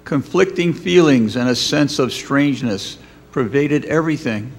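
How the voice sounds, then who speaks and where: A man's voice: mid-range voice, animated, normal speed, vocal fry. A man giving scripted dramatic narration of a Bible story in a solemn, declamatory manner.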